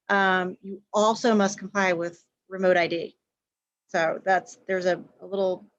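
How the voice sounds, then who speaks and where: A woman speaking as a guest expert on a live Q&A, explaining in a conversational way with frequent fillers and occasional quick bursts. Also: mid-range voice. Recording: dull, dry, slightly lo-fi.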